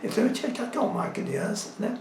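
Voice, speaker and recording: A man talks through his memories in an easy, conversational way, checking in with the listener again and again. His voice sits high and swings widely in pitch, with a gravelly rasp. He was recorded some distance from the mic in an echoey room with faint background noise. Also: sing-song, quick pace. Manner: conversational, frequent tag questions. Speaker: psychosomatic therapist and former judo instructor. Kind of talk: casual storytelling monologue.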